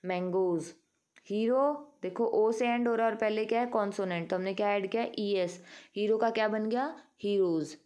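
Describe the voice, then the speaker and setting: A woman's voice: medium pitch, fairly even intonation, moderate pace, a little mellow. A woman teaching a grammar lesson, patiently asking the class questions and answering them herself. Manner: addresses pupils affectionately as "beta".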